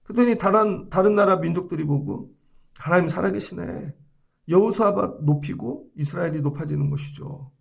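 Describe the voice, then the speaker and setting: High, gravelly-voiced man preaching. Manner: lively preaching, acts out quoted voices, jumps between loud and hushed. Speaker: pastor. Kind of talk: dawn service sermon. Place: church sanctuary.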